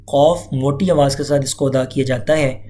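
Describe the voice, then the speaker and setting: A man's voice: mid-range voice, steady tone, dark tone, slight background noise. A man teaching a recitation lesson, explaining step by step and repeating key points. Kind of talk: lecture-style lesson.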